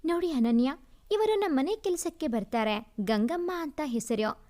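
A woman's voice: sits high, animated, a little slow, dark tone. A woman voicing an earnest, protective young man.

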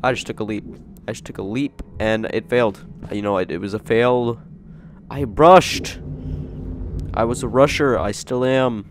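A man hosting a gaming channel, giving jokey, excitable let's play commentary and talking to himself. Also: mid-range voice, moderate pace, noisy background.

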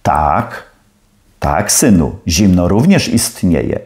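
A man's voice: low-pitched, big pitch swings, takes it slowly, a little mellow, pitched below the performer's own voice, full character voice. A man playing a stern older professor who presses his questions in a challenging, probing way.

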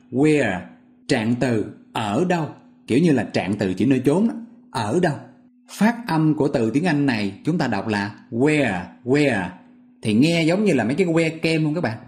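A man's voice: a little high, lively intonation, a little fast, darkish tone. A man teaching vocabulary, patiently explaining memory tricks step by step and quizzing his listeners. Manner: patient, repetitive, asks listeners questions.

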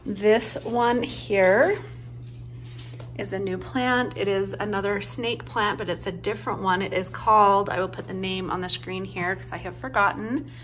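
A woman's voice: medium pitch, fairly even intonation, normal speed, fairly bright tone, slight background noise. A woman in her thirties narrating a casual home vlog, chatty and upbeat with frequent ums. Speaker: vlogger.

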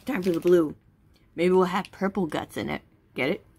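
A woman's voice: fairly low pitch, moderate pace, a little mellow, slightly rough. Young woman chatting while eating sour candy. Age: young adult. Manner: eating sour candy, talking between bites. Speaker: vlogger. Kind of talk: casual chat to camera. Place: small bedroom, indoors.

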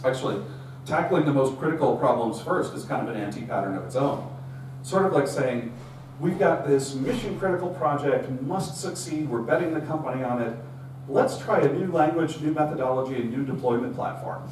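Telling stories in a relaxed way, a middle-aged conference speaker delivers a live technical talk to a meetup crowd and acts out the dialogue he quotes. His mid-range voice runs a little fast, sounding distant and heavily echoing on the far camera's room recording, with a faint hum underneath.

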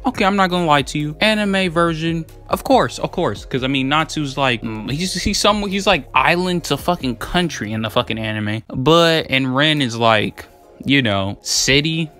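A young video creator debates anime battle matchups in casual, unscripted commentary, rambling with slang, profanity, hype, and emphasis. His voice is on the high side and sharp, with lively intonation at a moderate pace and faint music behind.

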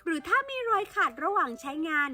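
A woman narrates a how-to guide in a scripted voice-over. Her voice sits very high and sounds bright and forceful. She explains each step politely and carefully, with faint music playing behind her. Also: expressive, a little fast.

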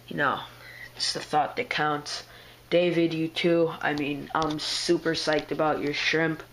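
A man's voice: fairly high pitch, little pitch movement, unhurried, a bit bright, a little hiss or hum. Sick-voiced man drawling a laid-back vlog. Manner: laid-back, rambling, full of fillers and slang. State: sick, with a strained throat. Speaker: aquarium hobbyist vlogger. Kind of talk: casual video update.

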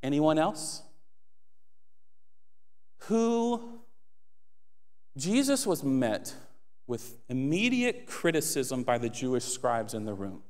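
With a medium-pitched, slightly mellow voice, this thirtysomething preacher takes his time, leaving long pauses, yet stays very animated as he rises to emphatic exhortation. He holds a mic on a church stage, and the hall reverb is long.

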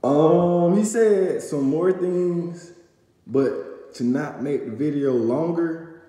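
Slow and dark-toned, though pitched on the high side, a young man reads a news recap aloud to his phone camera, stumbling and filling gaps as he goes. It's a small room at home, recorded at arm's length, with a long, echoey reverb.

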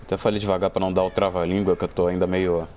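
A young man with a Brazilian Portuguese accent, casually commenting on his gameplay, excitable and joking, a bit groggy from medication. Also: sits low, racing, a little hiss or hum. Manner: excitable, yelps and jokes at the game. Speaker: gameplay streamer.

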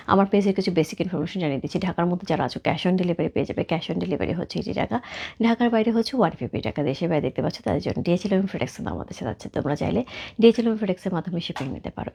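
A hoarse woman, hosting a live-stream clothing sale, chatty and greeting viewers by name. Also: on the low side, dark tone. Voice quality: husky. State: hoarse from a cold. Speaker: live sales host. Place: clothing outlet.

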